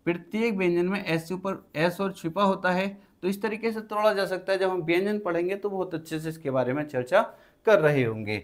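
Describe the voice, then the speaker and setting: High-voiced male Hindi teacher. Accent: Hindi, Uttar Pradesh. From India. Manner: answers his own questions in the students' voice; repeats key phrases slowly while writing on a board. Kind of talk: exam-prep Hindi grammar lesson.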